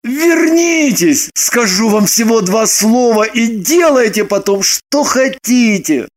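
An actor playing an excitable young man who bursts into shouts and pleads desperately. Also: sits high, a little slow, exaggerated voice. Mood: pleading. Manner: loud, shouting outbursts.

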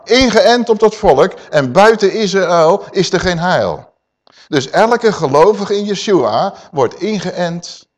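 A man preaching a sermon to a congregation, animated and full of rhetorical questions. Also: high voice.

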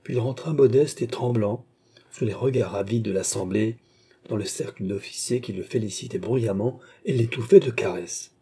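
A man reading a classic French novel aloud as audiobook narrator, in a measured, literary manner. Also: on the low side, warm tone, breathy edge. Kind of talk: scripted narration.

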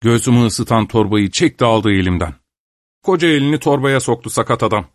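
A man narrates a literary story in an even, measured way. His voice sits at a middle pitch. The recording is dry and close, with no room sound. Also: no echo. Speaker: audiobook narrator.

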